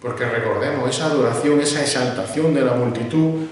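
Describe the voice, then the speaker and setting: Spanish preacher in an echoing church hall. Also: male voice, medium pitch, a little fast. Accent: Spain Spanish. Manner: poses rhetorical questions and answers them himself. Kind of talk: sermon. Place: church sanctuary. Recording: echoey hall, mic far off.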